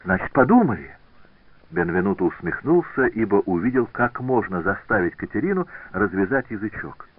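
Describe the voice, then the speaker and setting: Low-voiced man narrating on a tinny recording. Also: animated, moderate pace, few pauses. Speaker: audiobook reader. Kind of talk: scripted narration. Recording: tinny phone-like dry recording.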